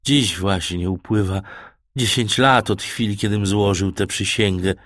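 A man voicing a calm, self-assured shipwrecked sailor in an audiobook. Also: on the low side, unhurried, no room sound, studio quality. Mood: steady.

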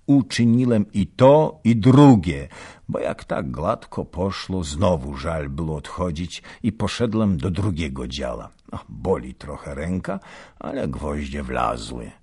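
A man's voice: very deep voice, animated, measured pace, darkish tone, slightly rough, heavily acted. A man voicing a boastful, hearty archer-nobleman, telling his tale in an emphatic old-fashioned way, in a storybook reading. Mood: proud.

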